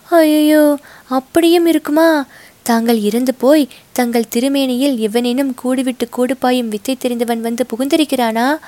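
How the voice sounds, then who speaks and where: A woman voicing a fierce, loyal boatman's wife who shouts in shrill, impassioned bursts. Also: no echo, natural voice. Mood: frantic. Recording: dry close recording.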